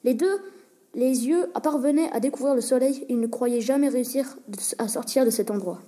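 A woman reading a short school story aloud in a plain, even way. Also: sits high, brisk. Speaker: story reader.

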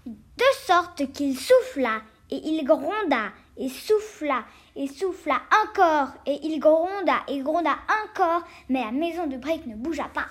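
Child, high voice, reading a storybook aloud, careful, small stumbles. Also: expressive, a little slow, fairly bright tone. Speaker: reader. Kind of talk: reading a fairy tale aloud.

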